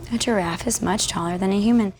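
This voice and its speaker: A woman kindergarten teacher with a medium-pitched voice talks fast over background noise. She explains her teaching and leads an interactive read-aloud of a picture book, in an instructional manner that repeats and expands on answers.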